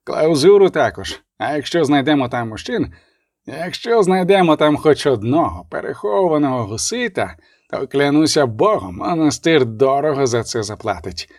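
A haughty middle-aged duke, imperious and commanding, with a lively, raised delivery, as a man voices him for an audiobook. He barks orders and expects obedience. The sound is close and dry. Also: fairly high pitch, moderate pace, no echo. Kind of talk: audiobook character reading.

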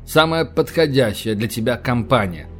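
A man's voice: mid-range voice, normal speed, soft background music, close to an everyday voice. A man voicing a stern male navy captain who speaks coldly and curtly in an audiobook. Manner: cold, curt.

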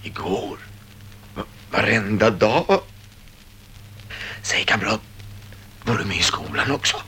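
A man's voice: sits high, big pitch swings, gravelly, sharp tone, husky, full character voice. An actor playing a weary, despairing young soldier in his twenties home from war, in a radio play. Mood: agitated. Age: 20s. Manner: weary, hopeless, pleading.

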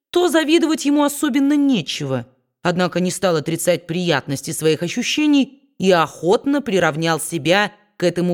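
Woman narrating a classic novel. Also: lowish voice. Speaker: audiobook narrator. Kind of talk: scripted narration.

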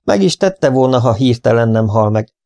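A man's voice: mid-range voice, animated, dark tone, no room sound, studio quality, close to an everyday voice. A man reading an audiobook, playing a breezy, flippant young man with a light, offhand manner.

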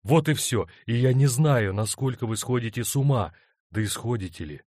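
A man's voice: medium pitch, animated, moderate pace, a little mellow, no echo, pitched above the performer's own voice, natural voice. A stubborn young man in love presses his questions impatiently, as a man reads him. His voice stays close to an ordinary male storybook voice. The recording is dry and close. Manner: insistent, impatient.

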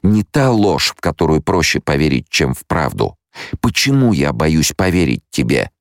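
An anguished young noblewoman seer, imperious and bitter, as a man voices her. Her voice sits clearly above the reader's own low register and keeps a gravelly edge, sharp and breathless. The audiobook recording is close and dry. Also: sing-song, moderate pace, dry recording, heavily acted. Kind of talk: audiobook character voice.

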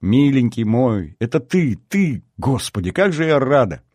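A man's voice: mid-range voice, very animated, moderate pace, darkish tone, breathy edge, dry recording, clean studio sound, voice pushed up. A man reading an audiobook, voicing a tearful, overjoyed young woman who talks in breathless, affectionate bursts. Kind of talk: audiobook character voice.

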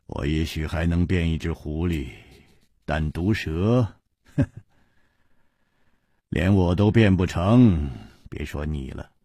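A calm, clever hero, voiced by a male storyteller, who answers in a low, quiet, wry tone. The voice is husky and raspy, recorded close and dry. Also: slow, long pauses, no room sound, heavily acted.

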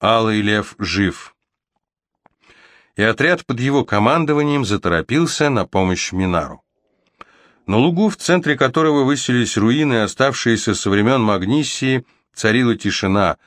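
A man narrating a fantasy novel as an audiobook, reading with steady, even storytelling. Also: fairly low pitch, normal speed.

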